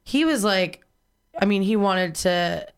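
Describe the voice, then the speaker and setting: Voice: mid-range voice, lively intonation, takes it slowly, smooth. A podcast co-host chatting casually and joking, acting out little quoted lines as she tells stories. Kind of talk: casual chat.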